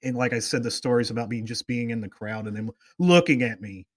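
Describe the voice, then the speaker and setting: A male talk show host chats casually and drifts from one excited story to the next. His voice sits at an ordinary pitch and gushes with fan enthusiasm. The sound is dry, with no room echo. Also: brisk. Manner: rambling storyteller, goes off on tangents. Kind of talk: casual chat.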